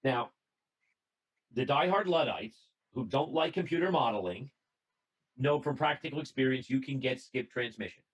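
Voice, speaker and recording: A man's voice: mid-range voice, lively intonation, normal speed, low-quality recording. A man giving an illustrated presentation to a radio club over a video call, telling the story in a conversational way and reading out notes, with small restarts. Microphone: computer mic on a video call.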